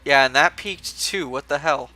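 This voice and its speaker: A man's voice: fairly high pitch, moderate pace, bright, forceful tone. A young man casually commenting while streaming a video game, rambling with fillers and restarts.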